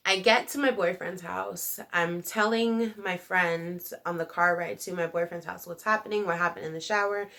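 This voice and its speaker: A woman, probably in her thirties, hosting a casual storytime vlog in a chatty, animated, slangy way, speaking straight to viewers. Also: lowish voice, moderate pace, few pauses. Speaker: video channel host.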